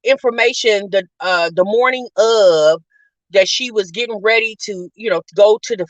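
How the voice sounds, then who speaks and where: A woman's voice: mid-range voice, moderate pace, dry recording. A middle-aged woman hosting a casual commentary channel, talking in a chatty, sassy way and calling her listeners y'all, sis and honey. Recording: dull, lo-fi dry recording.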